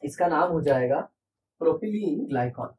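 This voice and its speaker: A man's voice: fairly high pitch, animated, normal speed, a little mellow, distant mic, slight background noise, poor audio. A man teaching a chemistry lesson, patient and repetitive, asking his class rhetorical questions. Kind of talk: classroom lecture.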